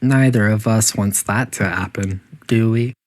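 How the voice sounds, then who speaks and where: A performer voices a polite yet menacing artificial intelligence that runs test chambers in a video game, delivering formal, clinical, passive-aggressive announcements as the facility announcer. The voice sits in the mid range, a touch slow and close to everyday speech, with a cold, threatening mood.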